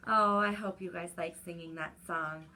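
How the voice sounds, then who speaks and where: Her voice is on the low side and moves at a normal speed as she hosts a children's story time. She reads aloud in an animated manner and talks directly to the young listeners.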